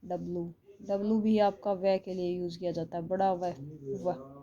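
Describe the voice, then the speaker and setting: A woman's voice: on the low side, fairly even intonation, unhurried, warm tone, lo-fi sound. A woman with an Indian accent teaching English phonics online, explaining patiently and repeating each sound.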